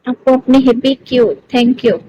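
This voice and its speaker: A woman's voice: on the high side, measured pace, mellow, dull audio, a little hiss or hum. A woman chatting casually with viewers on a live stream, playful and teasing, coaxing them and giggling often between lines. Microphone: phone.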